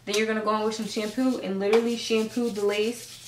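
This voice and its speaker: A woman's voice: medium pitch, flat delivery, quick pace, background noise. Casual female vlogger, slangy and talkative, recorded on a distant camera in an echoey room. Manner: chatty, loose, lots of fillers and slang. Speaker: hair tutorial vlogger. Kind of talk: casual how-to vlog. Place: room at home. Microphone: camera set up at a distance. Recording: roomy, camera mic from a distance.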